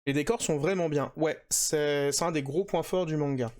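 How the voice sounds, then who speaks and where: A man's voice: fairly high pitch, moderate pace, a little mellow. A man hosting a casual manga podcast, chatting with lots of hesitations and fillers. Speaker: podcast host.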